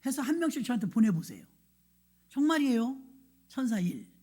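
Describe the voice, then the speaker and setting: Husky woman pastor preaching. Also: fairly high pitch, normal speed. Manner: animated storytelling, acting out dialogue, frequent laughs. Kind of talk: sermon.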